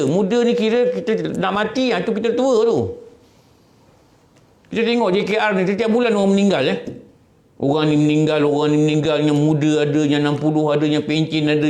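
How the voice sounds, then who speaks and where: Earnest Malaysian preacher in echoey room. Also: male voice, darkish tone. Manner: earnest, drops his voice low to mimic temptation. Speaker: religious teacher. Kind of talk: sermon. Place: prayer room of a government office.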